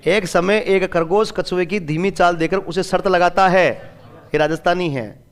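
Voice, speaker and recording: High-voiced man giving a chatty lecture. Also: a little slow. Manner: chatty, asks students questions and answers them himself; slips into regional dialect phrases. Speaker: exam prep teacher. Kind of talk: classroom lecture.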